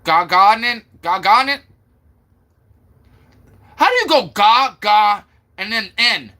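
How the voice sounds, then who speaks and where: Bright-voiced, high-pitched man streaming live. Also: lively intonation, slow pace. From Florida, USA. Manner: chatty, sounds out names from chat again and again. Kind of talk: casual live-stream chat with viewers.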